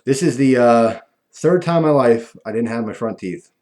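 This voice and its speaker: A man talking casually and ramblingly to viewers, with a lispy voice from missing front teeth that softens his F and V sounds. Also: medium pitch, lively intonation, moderate pace. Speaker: video host.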